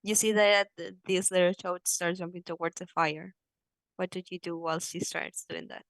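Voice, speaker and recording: A woman's voice: on the low side, fairly even intonation, normal speed, a bit bright, no echo. A woman narrating a tabletop game as game master, speaking hesitantly with frequent restarts.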